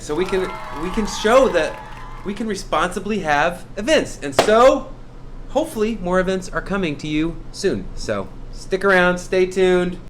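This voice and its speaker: A man's voice: on the high side, a bit bright, slight background noise. A young man hosting a casual brewery video, chatting in an upbeat way about specials and beer styles with playful sound effects. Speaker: brewery host. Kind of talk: casual promotional vlog chat.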